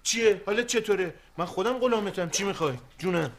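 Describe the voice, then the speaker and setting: A cocky hustler brother. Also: male voice, high voice. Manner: cocky, bickering, flattering. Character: cheeky older brother, a smooth-talking hustler. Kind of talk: TV comedy drama.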